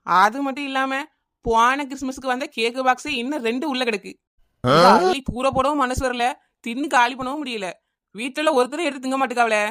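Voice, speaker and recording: A woman's voice: sits high, fairly bright tone. A woman voicing a scatterbrained housewife in a comedy cartoon, chattering and wheedling, with a Kanyakumari Tamil accent. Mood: grumbling. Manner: chattering, wheedling, repeats the neighbour's name.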